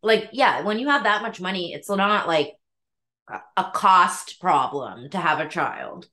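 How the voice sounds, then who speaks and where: A woman with a medium-pitched, very animated voice co-hosts a podcast. Her talk is casual and slangy, with intonation that moves up and down freely. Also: measured pace. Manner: informal, filler-heavy slang with frequent "like". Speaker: podcast co-host.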